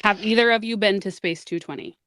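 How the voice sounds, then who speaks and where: A woman's voice: mid-range voice, brisk, a bit bright, no echo, studio quality. A woman chatting casually as a panelist in a draft game. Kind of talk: casual chat.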